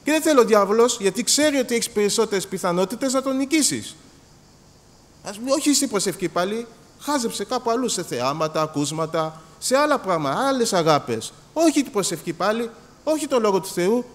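Man, Greek accent, preacher, animated sermon, high voice, long hall reverb. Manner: animated, acts out dialogues, repeats words.

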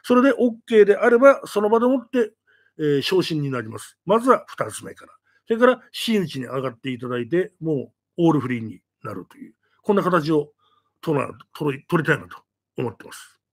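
A man with a high voice that swings widely up and down, telling ghost stories and addressing his audience in an animated announcement. He talks casually and keeps throwing rhetorical questions at his listeners. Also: fairly quick.

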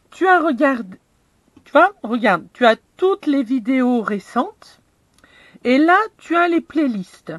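Speaking in a high voice with no room sound, this middle-aged woman records a vlog in her camper van. In a chatty, self-deprecating way, she guides her audience through a screen one step at a time.

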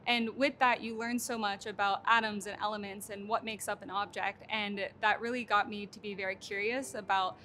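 A young woman with a bright, forceful voice speaks candidly and reflectively about her path. She is recorded outdoors beside a campus building, with a faint rumble behind her. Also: steady tone, normal speed, hardly any pauses. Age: young adult. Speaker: graduate student. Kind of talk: interview testimonial.

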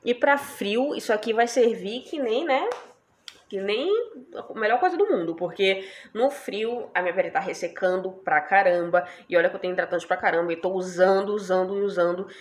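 In this casual haul chat, a young beauty vlogger describes her purchases at normal speed, her medium-pitched voice set against slight background noise. Every few lines she asks viewers whether they agree.

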